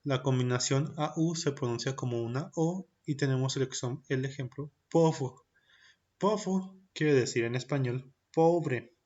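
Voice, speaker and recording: A medium-pitched man with a somewhat dark tone leads a lo-fi recorded French lesson for young children. He presents each point in French, repeats it in Spanish, and takes his time drilling the pronunciation.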